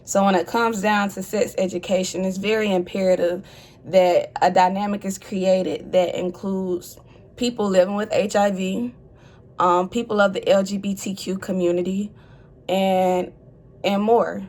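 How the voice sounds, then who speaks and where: Speaking a little slowly with a flat delivery, a woman in her twenties shares her story as an HIV advocate, composed and articulate in an interview. Her voice is medium-pitched with a darkish tone.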